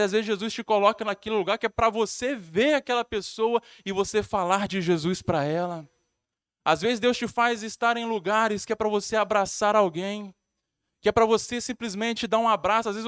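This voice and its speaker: A man's voice: high-pitched, fairly even intonation, brisk, a bit bright, clean tone, no echo, studio quality. A male pastor with a Brazilian Portuguese accent, preaching a sermon in a storytelling way, repeating phrases and adding tag questions.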